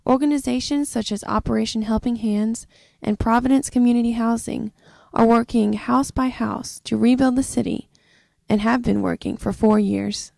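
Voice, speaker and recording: A woman's voice: a little high, fairly even intonation, normal speed, gravelly, darkish tone, no echo. A woman giving a scripted documentary narration, reading evenly from a script.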